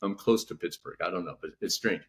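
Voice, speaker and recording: A man from California, an author being interviewed in casual podcast talk, speaking haltingly with lots of "you know" fillers and restarts. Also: low voice, slight background noise. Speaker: author guest.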